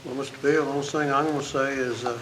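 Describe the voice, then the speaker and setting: A man's voice: medium pitch, steady tone, fast, background noise. A man chairing a county board meeting in an easygoing, polite way.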